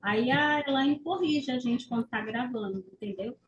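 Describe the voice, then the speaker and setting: A woman student chatting in an online English class. Her voice is somewhat high and comes with faint background noise. She rambles and often stops to restart her sentences. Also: normal speed, dull audio. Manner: rambling, hesitant, many restarts. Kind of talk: casual chat in online class.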